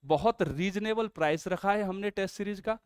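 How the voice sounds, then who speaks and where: Man, coaching teacher, high voice, smooth and clear, earnest, coaxing. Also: moderate pace, no echo, studio quality. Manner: earnest, coaxing, calls students beta. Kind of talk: promotional explainer lesson.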